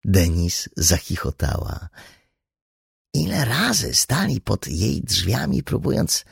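A man narrating an audiobook in an expressive, dramatic reading style. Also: deep voice, takes it slowly, creaky, husky, no echo, studio quality. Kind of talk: scripted narration.

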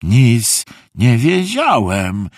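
A man voicing a bossy old grandfather in an audiobook, puffing and commanding loudly. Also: high-pitched, big pitch swings, slow, no echo, clean studio sound, voice pushed up, exaggerated voice. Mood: quizzical.

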